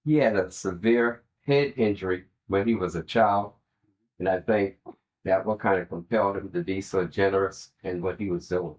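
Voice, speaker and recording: A man's voice: sits low, moderate pace, darkish tone, poor audio. A man giving an oral history interview, sharing recollections as an interviewee.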